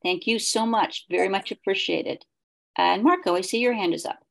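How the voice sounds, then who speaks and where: A woman facilitating an online group meeting over a video call. She talks with a hesitant manner and fills her sentences with pauses. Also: mid-range voice, vocal fry. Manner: hesitant, many fillers.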